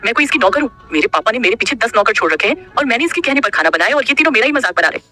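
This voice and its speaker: A man's voice: very high voice, very animated, racing, bright, forceful tone, soft background music, pitched above the performer's own voice, full character voice. A man voicing a spoiled, jealous young woman who grumbles indignantly to herself in an audio story.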